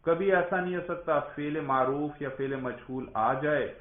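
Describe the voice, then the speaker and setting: Man teaching grammar, echoey and tinny. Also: a little high. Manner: patient, quizzing, repeats answers back. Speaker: religious school grammar teacher. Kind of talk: classroom lesson with questions to a student. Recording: echoey room over a tinny narrow line.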